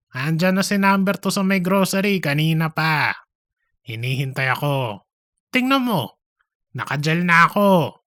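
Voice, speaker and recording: In a comedic audio drama, a performer voices chatty office colleagues with an exaggerated, teasing conversational manner. The medium-pitched voice sounds bright and forceful, recorded dry with studio quality.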